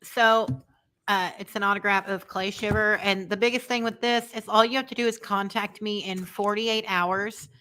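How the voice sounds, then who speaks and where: Bright-voiced American woman co-hosting sports chat. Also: medium pitch, steady tone, normal speed. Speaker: co-host of a football fan livestream. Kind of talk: casual live sports chat.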